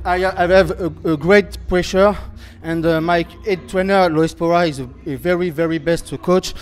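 A young French man, a fighter being interviewed after a bout, speaking halting, broken English with a French accent and repeating words as he searches for them. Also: high voice, fairly even intonation, clean tone. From France. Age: young adult. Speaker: MMA fighter. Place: indoor event backdrop interview area. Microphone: handheld interview microphone held close.

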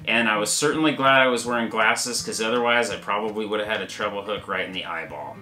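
A man's voice: on the low side, fast, reverberant. A man hosting a fishing channel, explaining gear in a plain, practical, step-by-step way. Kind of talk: gear review talk to camera.

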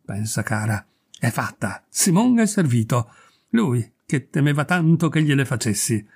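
Man reading as a conspiratorial noblewoman, gravelly husky low hush, storybook. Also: very animated, a little slow, exaggerated voice. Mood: gleeful. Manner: hushed, confiding, savoring the secret. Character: scheming gossiping noblewoman, gleeful, conspiratorial.

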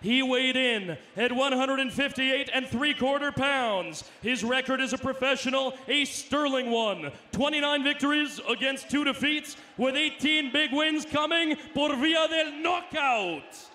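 Booming high-voiced ring announcer man. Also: pushed and bright. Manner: booming, drawn-out announcing with bits of Spanish. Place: arena.

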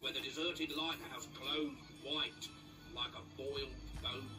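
An actor playing a creepy, gleeful storyteller of grim children's cartoon tales, with a macabre, drawn-out delivery. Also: male voice, mid-range voice, fairly even intonation, bright, forceful tone, distant mic, soft background music. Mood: dark, suspenseful. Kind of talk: theatrical cartoon narration with character voices.

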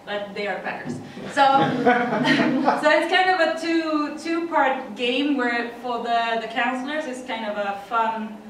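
Speaking slowly in a voice that sits high, a middle-aged Swedish woman gives a chatty conference presentation in English, Swedish-accented and peppered with laughs and fillers. A little hiss or hum is audible. She's picked up from a distance by a room mic in a dim, echoey conference room.

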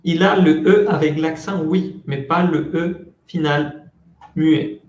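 Slow, patient male French teacher. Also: on the high side, fairly even intonation, a little mellow, reverberant. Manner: slow, patient, repeats words to drill pronunciation; switches between Spanish and French, addresses students by name. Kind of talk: online language class, explaining French to Spanish speakers.

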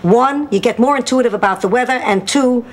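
An older actress playing a blunt, sly elderly mother, delivering deadpan wisecracks in studio sitcom style. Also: on the high side, a little fast, close to an everyday voice. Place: sitcom kitchen set. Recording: noisy 1990s TV sitcom audio.

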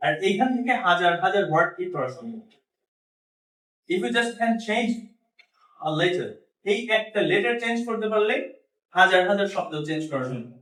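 A man's voice: high-pitched, expressive, moderate pace, long pauses, a bit bright. A man from Bangladesh, teaching an English pronunciation class and drilling students with questions and repetition. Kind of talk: classroom lesson. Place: madrasa classroom. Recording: echoey classroom from a distance.

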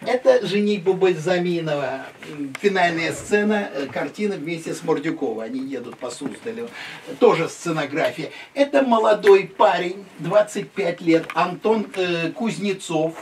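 A man's voice: a little high, normal speed, far from the mic, a little hiss or hum. A man in his sixties from Russia, chatting as he shows visitors around his small home museum, pointing at one picture after another. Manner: lively, chatty, gesturing at photos. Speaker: private museum owner and guide. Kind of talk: casual guided tour. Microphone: handheld camera following him.

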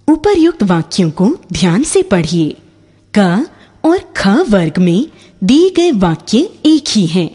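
A woman narrating a scripted grammar lesson, reading example sentences slowly and deliberately. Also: medium pitch, darkish tone, husky. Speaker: teacher narrator.

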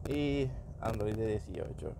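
A man's voice: fairly low pitch, lively intonation, takes it slowly, gravelly, heavy background noise. A man giving casual commentary on game summons, switching between Spanish and English and reacting to each pull. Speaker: gaming YouTuber.

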